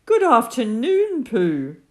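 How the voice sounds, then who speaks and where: A woman's voice: fairly high pitch, wildly swooping pitch, slow, exaggerated voice. Kanga, a woman doing a fussy mother kangaroo. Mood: motherly. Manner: fussy, dismissive. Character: motherly female kangaroo, distracted.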